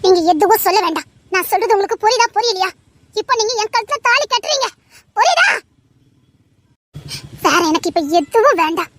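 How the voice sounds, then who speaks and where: A woman's voice: very high voice, expressive, fairly quick, long pauses, fairly bright tone, no echo. A woman voicing a desperate young woman who tearfully and insistently begs her lover to marry her, in an audio drama. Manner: pleading, tearful, insistent repetition.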